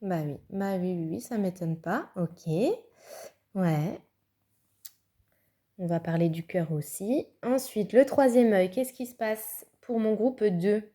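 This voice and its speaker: A woman's voice: medium pitch, slow pace, mellow. A woman giving a casual, chatty tarot card reading, thinking aloud with fillers and little laughs. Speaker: tarot reader.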